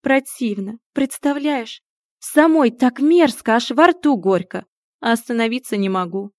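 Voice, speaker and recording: A fussy middle-aged mother-in-law whose voice rises high and loud when she is indignant, as a woman reading the story puts her on. The sound is close and dry. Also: lively intonation, measured pace, dry recording. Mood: rueful.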